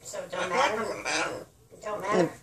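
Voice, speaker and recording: A woman's voice: mid-range voice, steady tone, moderate pace, crowd noise. A woman chatting casually in a room at home, recorded on a phone video. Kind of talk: casual chat. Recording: echoey room, faint noise, phone video.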